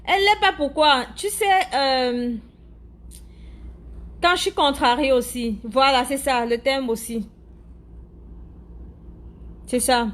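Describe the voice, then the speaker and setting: High-voiced chatty woman commenting. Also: slow pace, pauses often, fairly bright tone. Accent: African-accented French. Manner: chatty, searching for words, repeats herself. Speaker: live streamer answering viewers' comments. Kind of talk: casual chat commentary.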